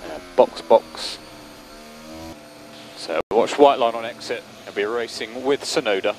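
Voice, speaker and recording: A man's voice: medium pitch, unhurried, darkish tone. A male race engineer giving terse, matter-of-fact updates over race car radio. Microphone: radio headset. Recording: noisy team radio, car noise.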